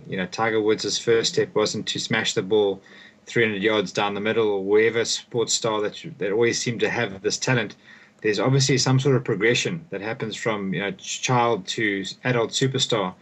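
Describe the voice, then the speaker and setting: A young South African man, a guest author and performance coach, answers questions thoughtfully and conversationally, often repeating words as he restarts sentences. His voice is lowish and a bit bright, with a steady tone and moderate pace.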